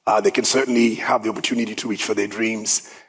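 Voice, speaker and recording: A man's voice: lowish voice, little pitch movement, fast talker, slightly rough, rough recording. A man in his thirties from South Sudan, giving an upbeat, conversational talk about his own story at an event, with plenty of filler words. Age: 30s. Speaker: guest speaker. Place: event hall.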